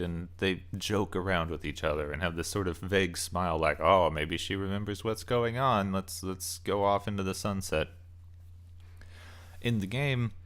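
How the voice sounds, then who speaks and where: Low and fairly bright, this man's voice belongs to a video channel host ranting casually about game movies. He gives his opinions off the cuff, thinking aloud in broken phrases.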